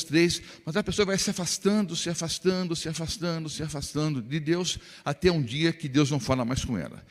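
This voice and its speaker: A man's voice: fairly high pitch, long reverb tail. A man preaching a sermon as pastor, emphatic and full of rhetorical questions to the congregation.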